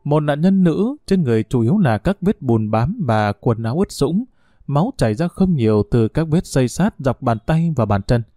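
A man narrating a dramatic story in a steady audiobook reading. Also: mid-range voice, moderate pace, dry recording, clean studio sound.

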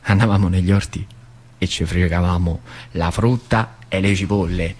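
This man's voice is low, with fairly even intonation at a normal speed. He is a stage actor delivering a colloquial theatrical monologue for radio as an old factory worker reflecting on his boyhood, in a rural central Italian accent from northern Lazio. His vivid delivery alternates between hushed and cried out.

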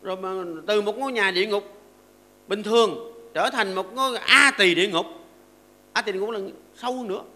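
An older monk preaches in a high voice with a bright, forceful edge. He teaches through homely stories and short verses, and he keeps stopping to ask his seated listeners to agree. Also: moderate pace. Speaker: Buddhist monk giving a dharma talk. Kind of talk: sermon to a seated audience.

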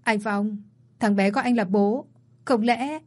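A woman's voice: mid-range voice, a little slow, darkish tone, close to an everyday voice. A polite, sulky young fiancée, read by a woman.

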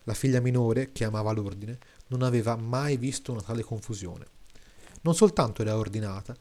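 A man reading a late-night story aloud in a calm, measured way, now and then restarting a word. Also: mid-range voice. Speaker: story reader.

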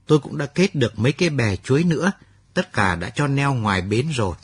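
A man's voice: medium pitch, sing-song, fairly quick, husky. A man voicing a brave young village mother who speaks earnestly and reassuringly in a radio story.

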